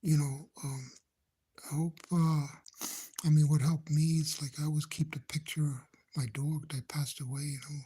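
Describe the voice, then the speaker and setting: Hushed, breathy man whispering to his phone. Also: fairly high pitch, level tone. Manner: halting, rambling, gentle, nervous. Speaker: livestreamer chatting with viewers. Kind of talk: hushed casual live chat. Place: indoors in a house he shares, speaking quietly.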